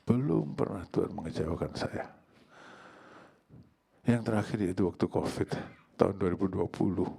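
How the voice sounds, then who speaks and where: An older Indonesian pastor, preaching a sermon in church, swinging from hushed prayer to loud crying out. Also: male voice, deep voice, expressive, moderate pace, gravelly, long pauses, slightly rough.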